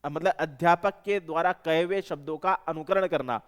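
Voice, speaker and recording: A man's voice: a little high, moderate pace, clean tone. A man with a Rajasthani Hindi accent teaching an exam-prep lesson, explaining step by step and repeating key terms. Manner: explanatory, repeats key terms, self-corrects mid-word.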